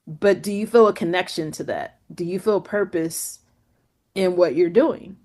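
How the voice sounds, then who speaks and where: A woman guest on an interview show, telling her story in a casual, chatty way, peppered with "like" and "you know". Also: a little slow. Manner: acts out quoted speech with lively pitch jumps. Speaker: guest photographer.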